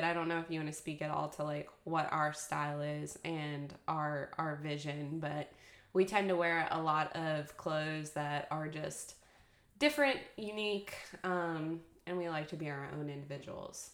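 A woman with a low-pitched voice chats casually as a podcast co-host, breaking into giggles now and then. Her voice rings around an echoey room. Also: fairly bright tone. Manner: giggly, laughs often between phrases. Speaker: podcast co-host and brand founder.

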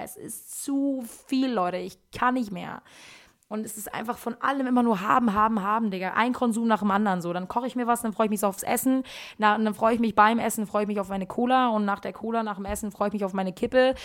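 Fast-talking young woman in slangy podcast chat. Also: mid-range voice. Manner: slangy, rambling, peppers talk with "Digga". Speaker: podcast host. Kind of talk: casual solo podcast chat. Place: her kitchen. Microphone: podcast microphone.

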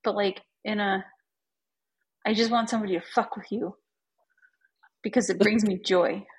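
A woman co-hosting a podcast, ranting in an excitable, self-aware, exasperated way during casual chat. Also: mid-range voice, moderate pace, slightly rough, rough recording. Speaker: podcast co-host.

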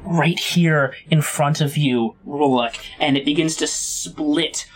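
A woman game master narrating a tabletop game, describing scenes slowly and joking with her players. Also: low-pitched, breathy edge, faint music behind.

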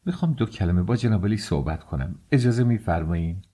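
A man reading an audiobook, voicing a timid, flattering middle-aged innkeeper in a low voice. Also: breathy edge. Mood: nervous. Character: nervous fawning male innkeeper, middle-aged.

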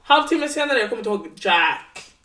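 A young woman co-hosting a podcast tells a story with animation in a casual chat, switching between Swedish and English. Her voice is fairly high, bright, and pushed, with big pitch swings, and the mic sounds distant in a roomy space.

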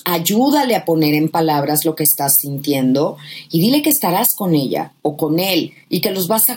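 A woman's voice: on the low side, a little mellow. Impassioned woman on grief. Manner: emphatic, impassioned. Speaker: guest author on grief. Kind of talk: conversational advice.

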